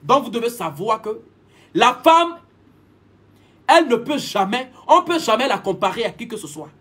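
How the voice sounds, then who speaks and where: A man's voice: extremely high pitch, very animated, normal speed, fairly bright tone, husky. A man giving a preachy, repetitive live-stream monologue, switching languages mid-sentence. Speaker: livestream host.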